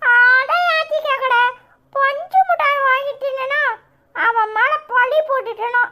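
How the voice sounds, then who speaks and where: A woman voicing a small excitable child in a cartoon, chattering and teasing with a Tirunelveli Tamil accent. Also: extremely high pitch, unhurried, voice pushed up, exaggerated voice.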